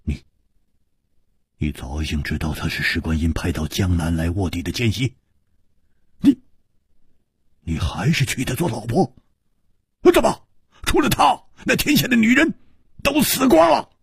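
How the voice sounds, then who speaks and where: A man voicing a hot-tempered, blunt male swordsman who shouts loudly. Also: low voice, expressive, measured pace, pauses often, breathy edge, no echo, clean studio sound, voice pushed down, heavily acted. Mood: angry. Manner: loud, shouting.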